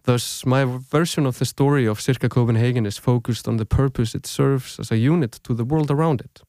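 The host of this scripted podcast is a young native Icelandic man narrating in a reflective, measured, story-driven manner. He speaks in a mellow, mid-range voice. The recording is dry and of studio quality.

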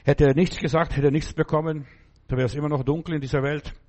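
A man's voice: fairly high pitch, steady tone, fast talker. A middle-aged man preaching a sermon, exhorting the listener directly and acting out quoted commands with raised voice. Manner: acts out quoted commands loudly.

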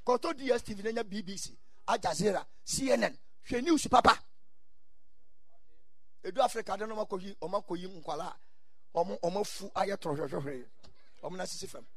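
A man's voice: sits high, dry recording. A man with a Ghanaian accent preaching a sermon in exhorting, repeated short phrases, mixing English with Ghanaian Pidgin and Twi.

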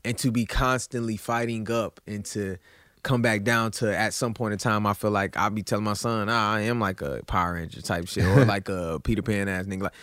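A man chatting casually as a guest, telling stories in an animated, slangy way with frequent conversational tags. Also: lowish voice, fairly quick, no room sound, studio quality. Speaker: podcast guest.

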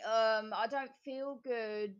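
A woman's voice: fairly high pitch, lively intonation, moderate pace, fairly bright tone, muffled recording. A woman voicing a greedy, boastful male big cat in a storybook reading, demanding and pleading by turns. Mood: queasy.

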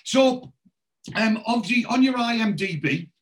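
A Geordie man in his forties from North East England hosts a casual podcast interview, rambling through many restarts and fillers. His voice is very high with lively intonation, and he speaks a little slowly.

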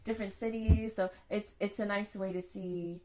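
A woman's voice: mid-range voice, fairly even intonation, normal speed, darkish tone, slight background noise. A young adult woman co-hosting a podcast in casual chat, giggling often and reading out facts between jokes. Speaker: podcast co-host.

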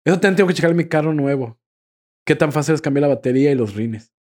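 A young man with a Mexican accent tells quick, slangy anecdotes on a casual chat show. He talks fast in a slightly high voice and acts out the people he quotes. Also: a little mellow. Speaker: podcast co-host.

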